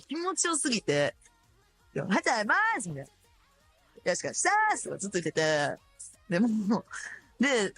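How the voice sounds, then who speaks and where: A radio host in her thirties with a Kansai accent and a hoarse voice, chatting casually and animatedly. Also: fairly low pitch. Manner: chatty, animated, laughs often.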